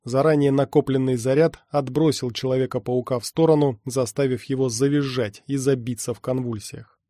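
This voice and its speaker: A man reading a first-person action story aloud at a steady pace as an audiobook narrator. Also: mid-range voice, normal speed, dry recording, studio quality. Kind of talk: scripted narration.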